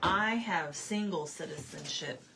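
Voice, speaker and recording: A woman with a low, slightly slow voice and vocal fry hosts a craft livestream, chatting casually as she paints. She answers viewer comments in loose, laughing run-on asides and laughs often. The recording is very noisy.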